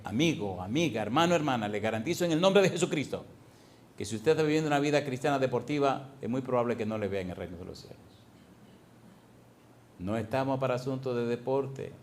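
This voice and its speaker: A male pastor preaching a fervent sermon, swinging between loud and soft and asking the congregation repeated questions. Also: medium pitch, a little fast, slight background noise.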